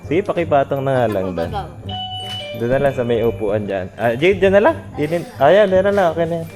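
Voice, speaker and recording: A man quietly narrating a casual home vlog as a father at home with his family. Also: sing-song, normal speed, over music. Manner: soft, low-key murmured narration.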